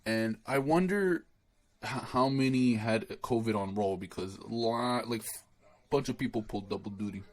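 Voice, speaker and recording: A young man talks through a wrestling recap in a loose, rambling way. He swears freely, restarts his sentences and sounds dismissive of what he saw. His voice sits fairly low. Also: moderate pace, rough recording. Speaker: wrestling show reviewer. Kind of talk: casual solo recap.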